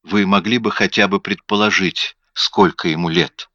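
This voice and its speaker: A man reading an audiobook, voicing a brisk, authoritative male investigator questioning witnesses. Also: sits low, fairly even intonation, sharp tone, dry recording, lo-fi sound.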